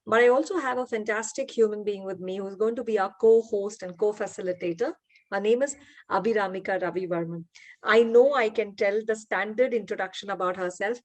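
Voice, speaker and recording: Woman facilitator on a video call, encouraging, quizzing the group. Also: medium pitch. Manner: warm encouraging, asks participants questions. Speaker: workshop facilitator and founder. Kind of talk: online workshop teaching.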